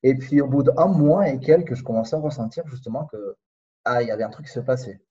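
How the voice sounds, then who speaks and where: Soft-spoken man with a slight Spanish accent. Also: mid-range voice, recorded from a distance, lo-fi sound. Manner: reflective, searching for words, many pauses. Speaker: guest. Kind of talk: casual conversation.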